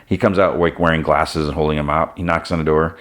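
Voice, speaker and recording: A podcast host with a bass voice that is fairly bright in tone talks fast and steadily as he retells a TV episode scene by scene. He keeps it loose and casual, restarting sentences and briefly voicing the characters in quotes, often with "he's like".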